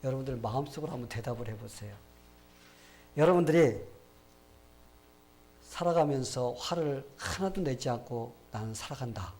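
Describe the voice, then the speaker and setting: Male pastor preaching, mid-pitched voice, storytelling and asking the church questions. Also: moderate pace, vocal fry, pauses often, a little mellow. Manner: storytelling with rhetorical questions to the congregation. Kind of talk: sermon.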